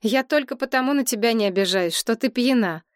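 A woman voicing a sensible young woman who talks in a brisk, exasperated way, recorded dry and close. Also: fairly high pitch, no echo, voice pushed up, natural voice. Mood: disapproving.

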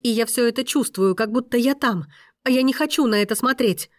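A woman's voice: a little fast, dry recording, clean studio sound, close to an everyday voice. Woman voicing a furious frightened young heroine. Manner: shrill angry outbursts.

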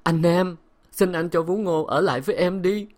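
A male reader performs a desperate young wife in a spoken storybook. Her voice rides high above his own and swings widely as she begs and pleads. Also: very animated, a little fast. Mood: pleading. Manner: tearful pleading, raised high voice.

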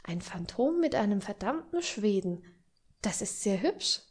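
A woman's voice: medium pitch, very animated, a little slow, a little mellow, breathy edge. A woman voicing a curious, flirtatious society lady in an audiobook reading, with a teasing, eager way of asking.

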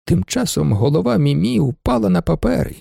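A man reading a story aloud, expressive and theatrical. His voice sits a little high, swings widely in pitch and carries a mellow, gravelly grain. The sound is dry and close. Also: normal speed, no echo. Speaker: narrator.

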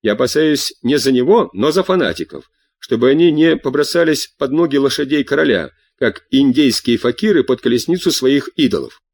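A man's voice: medium pitch, lively intonation, a little fast, a little mellow, no room sound. A man reading an audiobook, voicing an earnest doctor who persuades with careful reasoning.

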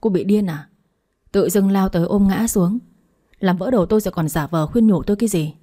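A woman's voice: medium pitch, a little fast, natural voice. Woman reading an irritable young man, scolding. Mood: angry. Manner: sharp, scolding.

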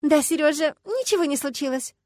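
Woman voicing a shrill, excitable young woman driver. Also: brisk, no echo, studio quality. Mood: flustered. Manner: high, loud, exclaiming.

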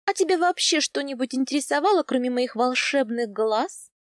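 A woman reading aloud, voicing a spirited young wife who pleads, coaxes and flares up in a raised, bright voice. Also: high-pitched, animated, normal speed, dry recording, studio quality. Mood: pleading. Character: spirited young wife, quick-tempered and coaxing.

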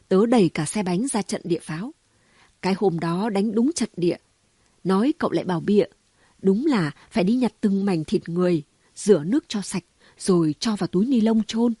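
A woman reading an audiobook voices a gossipy, sharp-tongued city woman who talks in quick exclamations and mockery. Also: mid-range voice, breathy edge, no room sound, studio quality. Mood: reminiscing. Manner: chatty, mocking, full of exclamations.

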